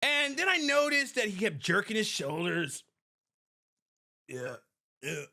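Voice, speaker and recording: On her podcast, a woman reacts to a video clip as a private security expert, casual yet emphatic, with lots of restarts and laughs. Her mid-range voice is unhurried and has vocal fry, and faint music plays behind her.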